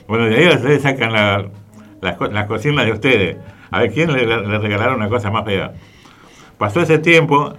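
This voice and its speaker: Man, Argentine accent, co-host, rambling, colloquial, low voice. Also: moderate pace, fairly bright tone, soft background music. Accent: Argentine Spanish. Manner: rambling, colloquial, says "¿viste?". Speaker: radio co-host. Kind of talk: casual radio chat.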